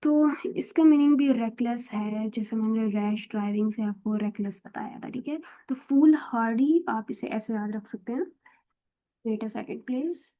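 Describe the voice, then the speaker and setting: A woman's voice: a little high, a little slow, warm tone, rough recording. A woman teaching English vocabulary in casual Hindi-Urdu mixed with English, explaining patiently and often checking in with "theek hai?". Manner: mixes English phrases into Hindi-Urdu talk.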